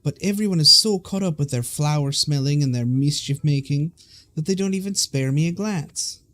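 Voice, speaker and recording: A man voicing a vain, attention-hungry fairy from a game, with a put-on Scottish accent and a high, bouncy, self-important delivery. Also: normal speed, fairly bright tone, soft background music, lightly acted.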